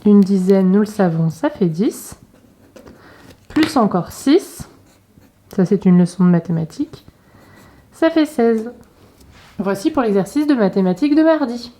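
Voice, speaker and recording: A woman teacher speaks to young children in an unhurried, patient way, setting out each exercise step by step. Her voice is soft and mellow, and she takes her time over every word. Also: mid-range voice, lively intonation. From France. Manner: slow, clear and patient, naming each picture in turn. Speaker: primary school teacher. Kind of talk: remote lesson instructions to young pupils.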